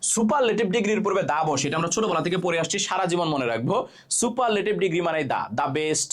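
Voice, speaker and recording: A man's voice: sits high, animated, fast. A man teaching an English grammar class live online, explaining step by step, asking rhetorical questions, and answering viewer comments.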